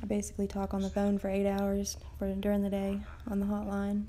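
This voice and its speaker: Late at night, a woman livestreams a mobile game, chatting casually, rambling, and swearing now and then while she comments on the play. Her mid-range voice sounds tired but warm, with a completely flat delivery at a slightly fast clip.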